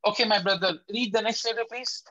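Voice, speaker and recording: A man's voice: sits high, pushed and bright. Patient male teacher on an online call. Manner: patient, demonstrates sounds slowly and repeats them. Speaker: Tajweed teacher. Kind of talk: online lesson, correcting students. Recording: slightly dull lo-fi audio.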